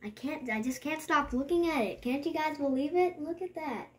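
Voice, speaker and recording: A woman vlogging casually to camera, excitable and nervous, often dropping to a hushed voice. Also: high voice, moderate pace. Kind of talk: casual vlog chat to camera.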